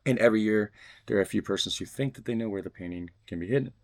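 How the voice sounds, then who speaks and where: This man's voice sits on the low side and comes out rapid-fire. He's a vlogger at home unboxing fan mail, reading a letter in a stiff way and cracking casual jokes between sections.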